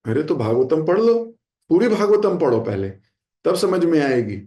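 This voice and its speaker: Gravelly-voiced man preaching a sermon. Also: fairly high pitch, big pitch swings, moderate pace, warm tone, reverberant. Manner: acts out quoted speech in shifting voices; mixes English phrases into Hindi. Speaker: devotional speaker. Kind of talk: sermon on scripture.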